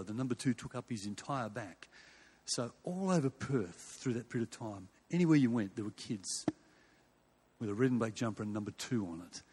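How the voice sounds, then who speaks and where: An older preacher from Western Australia speaks in a mid-range voice that is a little mellow and slightly rough, with an Australian accent. He treats his sermon like a casual conversation, telling a story through repeated phrases and rhetorical questions. Reverb from a large hall or church fills the recording.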